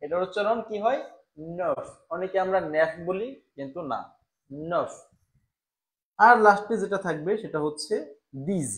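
A man with a fairly high voice leads a live online language lesson. He works through French numbers one sound at a time and repeats each word with care so learners can follow. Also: lively intonation. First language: Bengali. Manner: slow, syllable-by-syllable pronunciation drills. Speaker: French teacher.

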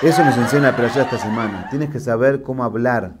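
Rabbi guy, middle-aged, preaching and cracking jokes, lively storyteller vibe. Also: medium pitch, fast talker, very noisy. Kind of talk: sermon with jokes.

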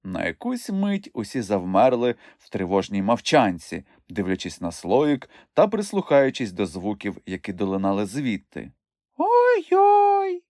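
Expressive male audiobook narrator. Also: on the low side, moderate pace, few pauses, no room sound, studio quality. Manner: expressive, storytelling.

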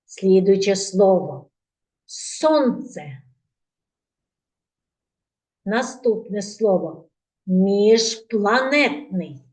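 A woman kindergarten teacher leading a speech lesson for preschool children, articulating each word clearly and prompting the group to repeat after her. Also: medium pitch, slow pace, a little mellow.

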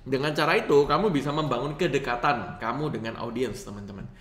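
A young man explains things in a casual tutorial tone. His pitch sits in the middle, with lively rise and fall, and he keeps turning to his viewers. The recording has a roomy echo. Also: fast talker. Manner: lively rising and falling intonation, addresses viewers often. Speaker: host of a channel teaching live streaming.

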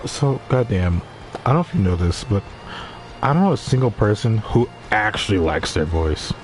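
A man's voice: on the low side, moderate pace, slight background noise. A man streaming live, chatting casually with viewers, swearing freely and laughing often. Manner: profane, animated, laughs often.

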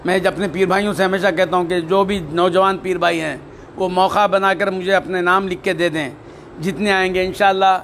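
A man with a high, lifted voice preaches a sermon. He drives his points home with rhetorical questions he answers himself, breaking into recited Arabic verses. Faint noise hums under the recording. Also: little pitch movement, a little fast, a bit bright. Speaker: Sufi preacher.

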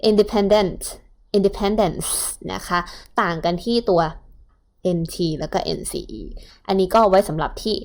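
A Thai woman teaching English vocabulary to high school students. She explains each word and asks the class questions in a coaxing way. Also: fairly even intonation, a little slow. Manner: warm, coaxing, asks students questions and calls them "child".

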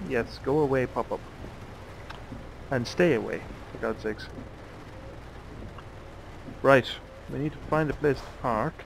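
A man's voice: medium pitch, measured pace, vocal fry, pauses often, a little hiss or hum. A tired man casually commenting on his own truck driving game, musing aloud to himself. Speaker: let's play gamer. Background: truck driving game sounds.

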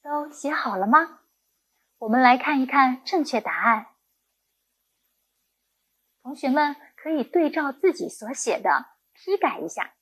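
A woman's voice: sits high, expressive, a little slow, pauses often, a bit bright, breathy edge. A woman primary school teacher giving a recorded lesson to young children, speaking in a patient, encouraging way.

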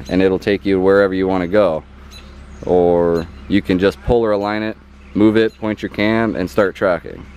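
A man's voice: low-pitched, a little mellow, slight background noise. A man giving a casual hands-on demonstration outdoors in a yard, often checking in with "okay?" and filling gaps with ums. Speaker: hobbyist explaining a homemade astrophotography mount.

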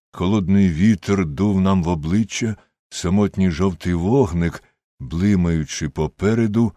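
A man narrating an audiobook with steady, close-miked storytelling and a husky voice. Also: sits low, no room sound. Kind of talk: scripted narration.

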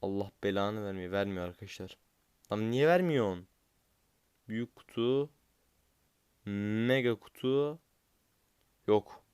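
Impatient young man, smooth clear voice. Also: on the low side, measured pace, pauses often, darkish tone, dry recording, studio quality. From Turkey. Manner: frustrated, impatient, swears at the game. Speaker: gaming YouTuber. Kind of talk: gaming commentary.

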